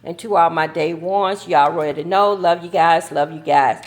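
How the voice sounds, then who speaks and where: A woman's voice: on the low side, moderate pace. A woman in her fifties, a grandmother, chatting casually with her viewers in a folksy, talkative way. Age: 50s. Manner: chatty, folksy, talks while eating cake. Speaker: vlogger. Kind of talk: casual chat.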